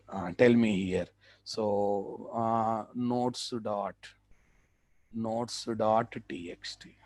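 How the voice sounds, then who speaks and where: Checking that his class follows and repeating phrases for emphasis, a male trainer with a Telugu Indian accent walks through software live. His voice is fairly low with some vocal fry, and there's no echo.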